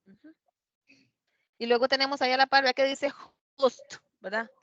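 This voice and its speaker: A woman teaching an English pronunciation lesson, explaining patiently step by step and slowly repeating words to model them. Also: high-pitched, flat delivery, fairly bright tone, no room sound, dull audio. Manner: patient, explains step by step, asks "¿verdad?" often.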